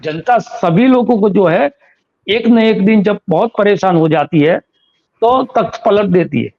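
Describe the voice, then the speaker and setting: A man with a high-pitched voice gives interview commentary as a political analyst, arguing his points and firing off rhetorical questions. The audio is a little dull and lo-fi. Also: a little slow, vocal fry. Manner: argumentative, fires rhetorical questions.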